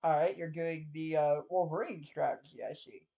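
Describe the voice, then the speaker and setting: A man's voice: on the high side, moderate pace, vocal fry, warm tone, highs cut off. A man narrating a tabletop game as game master in a loose, conversational way with frequent fillers.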